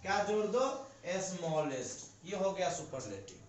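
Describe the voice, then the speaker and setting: Male teacher, high-pitched, patient step-by-step classroom delivery, very echoey room. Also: very animated, unhurried. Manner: explains step by step with questions he answers himself. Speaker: English teacher. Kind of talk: classroom grammar lesson.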